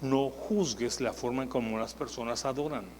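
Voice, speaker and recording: A male pastor delivers a Sunday sermon at a mid-range pitch, chatty and lively, slipping into little acted voices for the people he mentions. His voice carries a long church-hall reverb over a faint hum of background noise. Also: normal speed. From Colombia. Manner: conversational, animated preaching with acted-out quotes.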